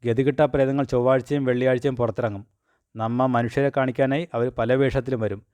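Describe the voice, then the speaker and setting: A man's voice: medium pitch, fairly even intonation, fast talker, a little mellow, smooth, dry recording, close to an everyday voice. A man reading as a grumbling old grandmother.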